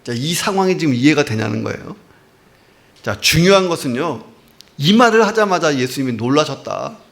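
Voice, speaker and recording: A man's voice: a little high, lively intonation, normal speed, gravelly, fairly bright tone. A man preaching a sermon as a church pastor, emphatic and often opening his lines with a short "well, now". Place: church sanctuary.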